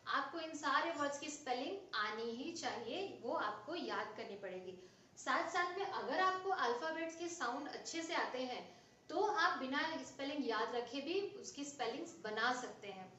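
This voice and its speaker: A woman teaching children, reading each word aloud clearly and then explaining it patiently. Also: high voice, expressive, moderate pace, bright, forceful tone. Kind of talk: slow word drill and explanation for kids. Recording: echoey, distant, dull sound with faint hiss.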